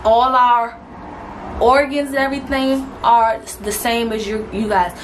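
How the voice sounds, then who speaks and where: A woman's voice: on the high side, steady tone, a little slow, slight background noise, poor audio. A young adult woman vlogging casually to camera, chatty and rambling, with fillers and restarts, a little out of breath.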